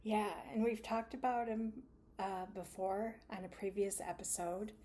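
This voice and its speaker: A woman co-hosts a casual podcast and speaks at an unhurried, slow pace. She mostly chimes in with short agreeing replies and laughs often. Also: mid-range voice, fairly even intonation, dark tone, slight background noise. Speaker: podcast co-host.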